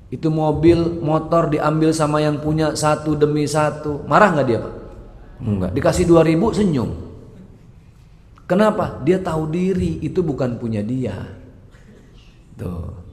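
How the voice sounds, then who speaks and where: A man preaching a lively sermon, joking and rhyming, and often addressing his listeners directly. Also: mid-range voice. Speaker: Islamic preacher. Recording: echoey hall with long reverb.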